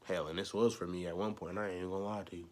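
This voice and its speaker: A young man talking straight to the camera in a casual, rambling opinion rant. He repeats himself and swings between low mumbles and loud, emphatic bursts. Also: fairly even intonation, fast talker. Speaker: vlogger.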